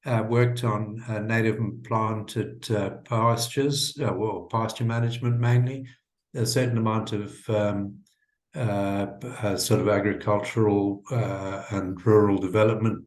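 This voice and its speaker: A man from Zimbabwe who works for a government vegetation unit presents in a webinar, halting with very frequent uhs. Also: fairly low pitch, level tone, echoey room.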